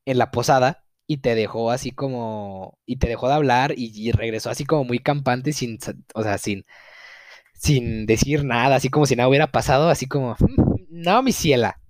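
A man's voice: mid-range voice, fairly quick, no echo, studio quality. A young man with a Mexican accent tells a viewer's story in a casual, profane, mock-outraged way, with frequent laughter.

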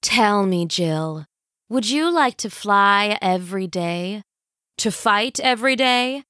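A woman voicing a shrewd, regal old villainess in armor who speaks slowly and commandingly. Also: medium pitch, expressive, bright, forceful tone, no echo, studio quality. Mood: gloating. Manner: slow, gloating, commanding.

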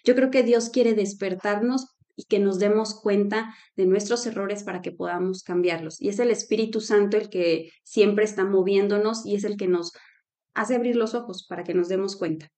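Co-hosting a casual faith-based talk show, a woman with a medium-pitched voice speaks at a moderate pace. She tells stories, laughs often, and delivers animated quotes.

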